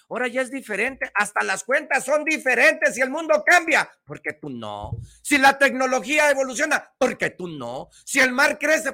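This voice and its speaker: A man's voice: very high-pitched, creaky, pushed and bright. A middle-aged man with a Mexican accent giving a slangy, emphatic motivational talk on the radio, repeating his points. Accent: Mexican Spanish.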